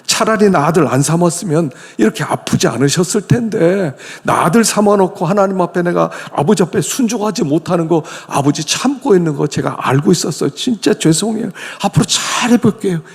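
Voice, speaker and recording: A man voicing a wayward grown son who begs his father's forgiveness in a high, pleading tone. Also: expressive, a little fast, gravelly, hardly any pauses, slightly rough, exaggerated voice. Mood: remorseful. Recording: long church-hall reverb.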